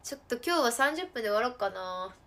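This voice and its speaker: A woman chatting casually on a live stream while she plays a game. She laughs often and breaks into sudden loud outbursts. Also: a little high, lively intonation, fast talker.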